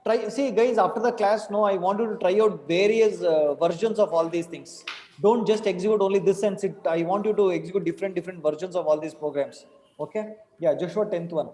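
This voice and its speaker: A young man with an Indian accent teaches an online class informally, often repeating himself and checking in. His voice is high and soft-toned, with a long room reverb. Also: a little fast, a little hiss or hum. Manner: informal, questioning, repeats instructions. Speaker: programming teacher. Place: small indoor room. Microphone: computer mic on a video call.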